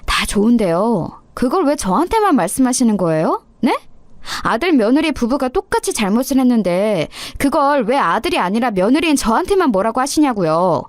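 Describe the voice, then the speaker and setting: A cold, insolent young daughter-in-law, as a woman acts her out speaks in a high, lively voice. She wraps every jab in overly polite, sarcastic phrasing. The sound is dry and close, like a radio story reading. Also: moderate pace, no echo. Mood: mocking.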